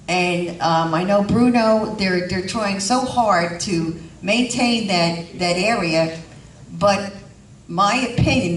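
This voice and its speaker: A woman giving halting, explanatory informal remarks at a community board meeting. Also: medium pitch. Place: indoor meeting room, far from mic. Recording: distant, echoey room with faint noise.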